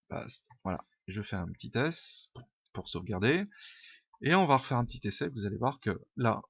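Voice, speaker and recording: A man with a medium-pitched voice and vocal fry walks through a coding tutorial over a screen recording, unscripted and thinking aloud, peppered with fillers and informal self-deprecation. He's a programming tutor in a home room, captured on a dull lo-fi mic that sounds dry and echo-free.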